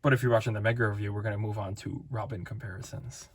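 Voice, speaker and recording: This husky, fairly low male voice has fairly even intonation and a quick pace. He's casually reviewing collectible figures in a rambling, playful way, cutting himself off, and he's worn out, his voice fading.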